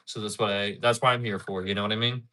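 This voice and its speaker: A man's voice: lowish voice, steady tone, fast, pushed and bright. A man in his thirties chatting casually on a live stream, rambling, repeating himself and answering his chat. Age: 30s. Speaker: livestreamer.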